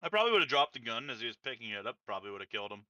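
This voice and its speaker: A man's voice: mid-range voice, sing-song, very fast, pushed and bright, no echo, dull audio. A man chatting with friends during a game stream, teasing and laughing through his banter. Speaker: gaming friend. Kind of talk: casual gaming chat.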